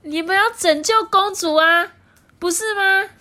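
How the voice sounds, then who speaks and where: A woman voicing a bossy young princess locked in a tower, crying out shrill demands. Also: a little slow, pushed and bright, heavily acted. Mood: demanding.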